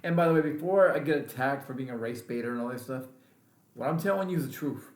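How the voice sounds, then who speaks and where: A man's voice: mid-range voice, fast. A male veteran vlogger giving an angry, emphatic political rant and repeating his points. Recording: roomy echo.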